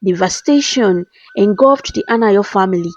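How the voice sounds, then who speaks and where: A woman storyteller reads a scripted folktale in a dramatic, formal manner, with a medium-pitched voice at normal speed. The voice-over sounds slightly dull and lo-fi, with soft flute music playing in the background.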